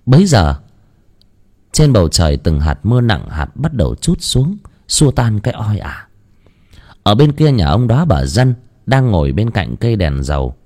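A man narrating a village ghost story in a folksy, expressive way. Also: lowish voice, normal speed.

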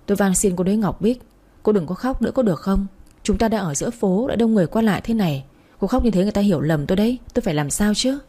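A woman reading the part of a kind young man who coaxes and pleads gently, in an audiobook. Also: mid-range voice, lively intonation, very fast, breathy edge. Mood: pleading. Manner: coaxing, pleading.

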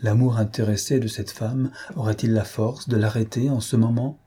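A male audiobook narrator reading a classic novel aloud. His voice is dark and husky, and his reading is steady and measured. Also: mid-range voice. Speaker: audiobook reader.

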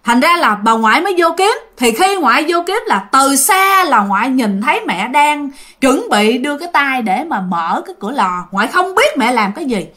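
A woman's voice: high voice, normal speed. A woman telling a ghost story casually, speaking directly to her listeners. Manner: animated, addresses listeners directly.

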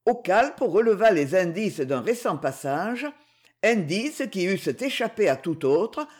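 A man narrating an adventure novel as an audiobook, in an expressive, dramatic reading. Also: sits high, husky.

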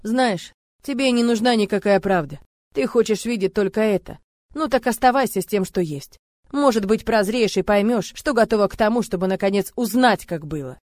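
A woman's voice: medium pitch, normal speed, darkish tone, no echo, pitched above the performer's own voice, lightly acted. A woman voicing a tense young man who speaks firmly and with restraint.

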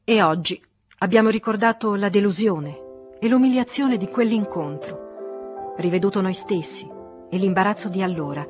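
A serene older master speaks with calm, gentle amusement, as a woman reads him. His delivery is measured and composed, kind rather than stern. An audiobook figure with faint music behind. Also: medium pitch, close to an everyday voice. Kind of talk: audiobook reading.

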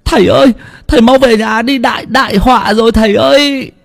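A man voicing a frantic, breathless young village man crying out in panic, in a husky voice. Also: very high-pitched, fairly even intonation, fairly quick, soft background music, pitched above the performer's own voice, exaggerated voice.

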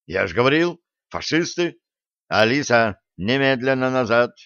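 A man voicing a gruff, irritable male starship captain who speaks in a commanding way. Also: mid-range voice, sing-song, unhurried, a bit bright, no echo. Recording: dry, slightly dull audio.

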